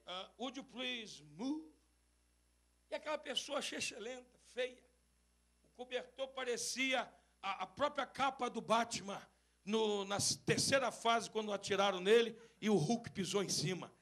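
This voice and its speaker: High-voiced preacher who bursts into shouting. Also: male voice, moderate pace. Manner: animated, bursts into shouting, acts out stories; mixes English phrases into his sermon. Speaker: bishop preaching. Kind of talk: sermon. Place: church service.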